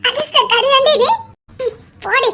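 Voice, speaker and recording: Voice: extremely high pitch, moderate pace, pushed and bright, full character voice. A performer playing an emotional young woman with a Tirunelveli Tamil accent, who pleads with her friend and teases her.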